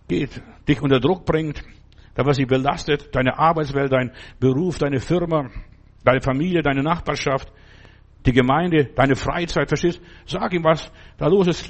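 A middle-aged man preaching a sermon in a fervent, colloquial way, often checking in with his listeners. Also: a little high. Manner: fervent, colloquial, keeps asking "verstehst du?".

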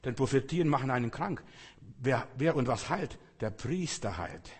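A man's voice: mid-range voice, big pitch swings, moderate pace, breathy edge, in a large hall. A man preaching a sermon in a conversational way, often turning to the listener directly. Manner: conversational, addresses listener with "weißt du".

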